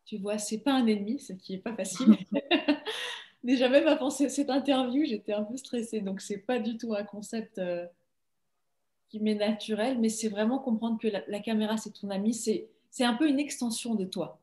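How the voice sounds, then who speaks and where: A woman's voice: a little high, animated, normal speed, warm tone, roomy sound. A young woman from Belgium, an actress, chatting casually and laughing often in an interview over a video call.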